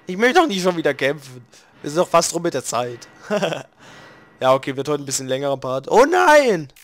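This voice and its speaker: A man commenting on his gameplay in a let's play, excitable, with loud outbursts and swearing. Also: on the high side, brisk. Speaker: let's player. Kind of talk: gaming commentary. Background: faint game music.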